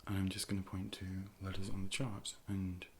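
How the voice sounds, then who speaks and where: Speaking briskly in a low voice, a man performs a soft, breathy ASMR role play as an optician, with background noise audible. He keeps close to the microphone, calm and reassuring, slipping often into whispers while giving gentle instructions.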